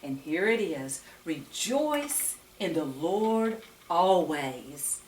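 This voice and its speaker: Very animated yet darkish in tone, a low female voice stretches out her words while reading to young children. She's a storyteller and Bible teacher, speaking sing-song and asking her listeners questions. Slight background noise and roomy echo come through a distant mic.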